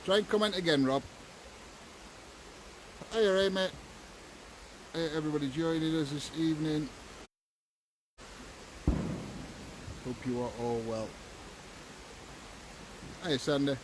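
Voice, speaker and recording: A man's voice: fairly high pitch, takes it slowly, pauses often. A British man hosting a casual night-time live stream outdoors, chummily greeting viewers in an informal, repetitive way. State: tired from walking. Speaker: livestream host of night-time ghost hunt. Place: outdoors walking in woods at night. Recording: noisy outdoor night ambience.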